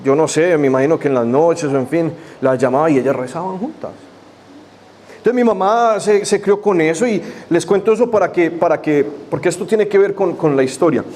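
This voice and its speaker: Speaking a little high and fairly quickly in a slightly mellow voice, a pastor leads a service with fervent prayer built on repeated invocations. He then tells a personal story in a loose, chatty manner as part of his sermon.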